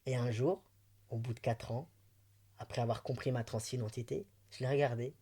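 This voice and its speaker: A Belgian man with a mild Belgian French accent, mid-pitched, sharing his personal story in an interview. He talks sincerely and emotionally and laughs easily, rambling warmly from one thought to the next. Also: fairly even intonation, moderate pace, slightly rough. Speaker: interview guest.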